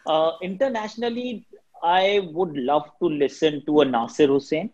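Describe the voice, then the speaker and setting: Answering an interviewer, a cricket commentator from Delhi talks quickly and energetically in a shrill voice with an Indian accent. Hindi is his first language, and the recording lacks its highs.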